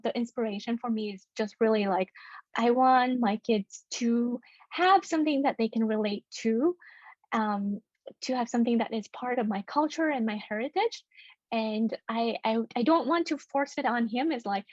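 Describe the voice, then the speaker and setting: A woman's voice: on the high side, no echo, dull audio. A young woman from Vietnam, a native Vietnamese speaker, speaking earnestly as a children's book author on a panel, with many fillers and restarts. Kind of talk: panel discussion.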